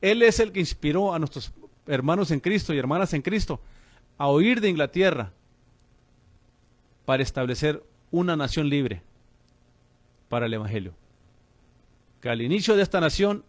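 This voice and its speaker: A man's voice: fairly high pitch, no echo. A man preaching on the radio as a pastor and host, fervent and calling listeners brother.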